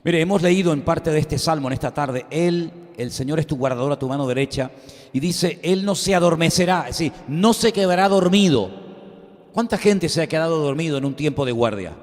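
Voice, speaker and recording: A middle-aged pastor delivers an emphatic sermon, throwing rhetorical questions at his congregation. His voice sits a little high for a man and rings out with a long church reverb behind it. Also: animated, a little fast. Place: church sanctuary.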